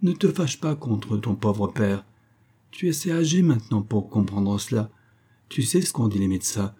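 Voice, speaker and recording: A man's voice: on the low side, expressive, normal speed, mellow, breathy edge. A man voicing a frail, worried father who pleads tenderly with his daughter, in a read-aloud novel. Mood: pleading.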